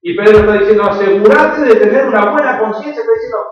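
A man's voice: high voice, fast. A man with a Rioplatense accent, preaching a sermon as a pastor in an earnest, explanatory way with emphatic rises. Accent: Rioplatense Spanish. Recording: echoey hall, distant, dull sound.

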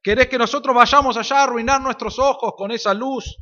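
A man voicing frightened, stubborn cave dwellers who shout in fear and scorn. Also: very high voice, fairly even intonation, brisk, voice pushed up. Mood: frightened, scornful. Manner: fearful, pleading, shouting. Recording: reverberant hall, dull lo-fi sound.

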